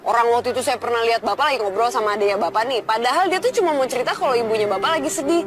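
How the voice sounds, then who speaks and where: A woman's voice: a little high, rapid-fire, natural voice. An actress playing a cheeky, outspoken young working-class woman in a TV drama, blunt and chatty. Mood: reproachful. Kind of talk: TV film drama acting.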